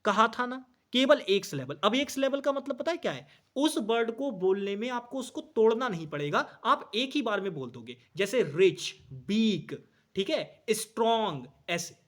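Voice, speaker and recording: A man's voice: very high voice, expressive, moderate pace, a bit bright. A man teaching an exam-prep English grammar lesson. He asks questions, answers them himself, repeats key points and calls the students brother.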